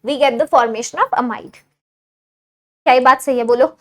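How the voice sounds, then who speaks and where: A woman giving an online exam-prep chemistry lecture. She mixes Hindi with English phrases and keeps checking with her students, asking if everything is clear. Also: sits high, slow pace, fairly bright tone. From India. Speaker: chemistry teacher.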